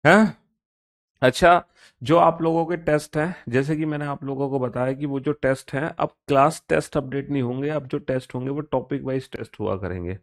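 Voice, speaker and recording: A man's voice: medium pitch, normal speed. A man with an Indian accent teaching a live online reasoning class, chatty and playful, joking with students between explanations.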